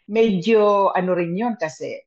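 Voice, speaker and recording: A woman's voice: mid-range voice, unhurried, darkish tone, highs cut off. A woman sharing a personal church testimony as a radio guest, telling it animatedly and mixing Tagalog and English. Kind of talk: casual testimony.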